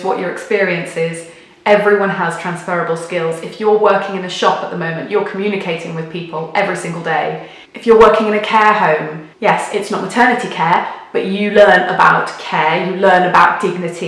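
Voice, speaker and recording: A British woman with a slightly low voice gives earnest, encouraging advice and leans on repeated phrases for emphasis. She is in a mostly empty room, so every word rings with a big, hollow echo off bare walls. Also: fairly bright tone. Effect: big echoey room sound. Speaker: midwife and video creator. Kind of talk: direct-to-camera advice vlog. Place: sparsely furnished room in a new house.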